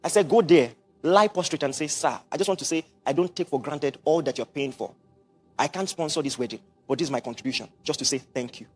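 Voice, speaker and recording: A middle-aged Nigerian man preaching a sermon, mixing in Pidgin asides and quick repetitions. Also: fairly high pitch, faint music behind. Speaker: pastor.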